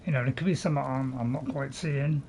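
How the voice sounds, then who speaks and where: A man's voice: medium pitch, fast, a little mellow. A man giving casual gameplay commentary in a hesitant, chatty, repetitive way. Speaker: game streamer.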